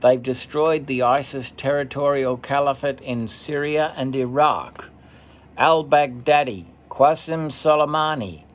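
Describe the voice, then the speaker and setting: A man commentating as he reads a list off a screen, steady, with occasional stumbles and asides. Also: mid-range voice. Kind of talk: reading from a screen, casual commentary.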